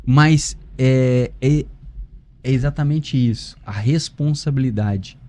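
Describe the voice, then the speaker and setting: Mellow Brazilian man with a swollen lip. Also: mid-range voice, slow. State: swollen lip after a biopsy. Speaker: podcast host. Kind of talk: conversational interview.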